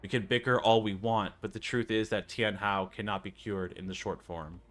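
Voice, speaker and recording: A man voicing a confident young male scientist from a video game, speaking in a measured, formal, persuasive way. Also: on the low side, fairly even intonation, fairly bright tone, close to an everyday voice. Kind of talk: video game character dialogue read aloud.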